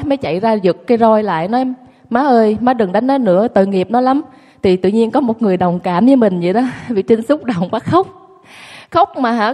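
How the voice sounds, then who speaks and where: A woman tells her own story to an audience, candid and self-mocking. Her voice sits fairly high. The room carries a long, ringing reverb. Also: a little mellow. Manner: candid, self-mocking, laughs while telling. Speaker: guest recounting her childhood.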